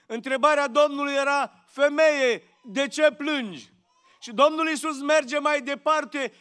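A man preaching a sermon in a church, slow and emphatic, asking rhetorical questions. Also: extremely high pitch, fairly bright tone.

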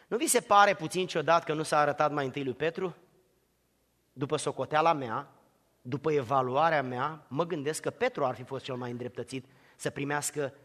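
Impassioned high-voiced male preacher. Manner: impassioned, builds to shouted repetitive crescendos. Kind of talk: sermon. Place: church hall. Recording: reverberant hall.

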